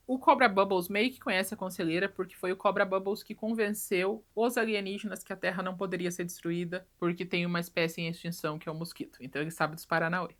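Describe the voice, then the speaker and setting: A Brazilian woman retelling a film plot in casual chat, animated and acting out the characters' lines. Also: medium pitch. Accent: Brazilian Portuguese. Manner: animated, acts out character lines in quoted voices. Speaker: YouTube host.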